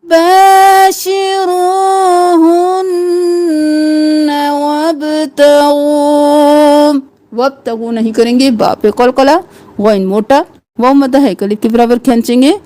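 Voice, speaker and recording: A woman teaching tajweed, reciting verses in a slow, drawn-out chant and dropping lower to explain the rules quickly. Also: mellow, no echo.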